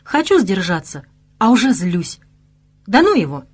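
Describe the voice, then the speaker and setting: A fiery young bride from an audiobook, quick-tempered and capricious, as a woman reader voices her. Her lines jump up brightly and hotly. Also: mid-range voice, big pitch swings, husky.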